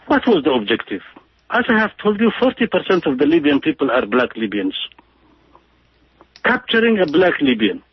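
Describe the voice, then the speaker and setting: Male political commentator, fairly high and husky, halting and emphatic with many restarts, dry lo-fi radio sound. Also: dry recording.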